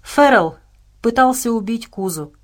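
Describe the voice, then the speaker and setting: A woman voicing a gentle male alien creature with several arms, speaking earnestly in an audiobook. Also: a little high, lively intonation, measured pace, pitched above the performer's own voice. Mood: grave.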